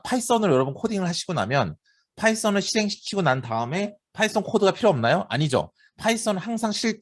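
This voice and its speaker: A Seoul-born man in his forties, speaking with a Seoul Korean accent, gives a university lecture in a lively, talkative style. His voice sits on the high side, and he addresses his students directly, often tossing them rhetorical questions.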